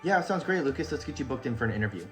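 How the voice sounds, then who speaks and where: A man's voice: mid-range voice, sing-song, rapid-fire, a bit bright, faint music behind, voice pushed up. A man voicing a friendly male hiring manager taking a sales call, easygoing and agreeable.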